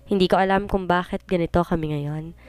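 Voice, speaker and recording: A woman's voice: fairly low pitch, fairly even intonation, brisk, darkish tone, clear, resonant tone, no room sound. A woman narrating a first-person love story in an earnest, emotional way, mixing Tagalog and English.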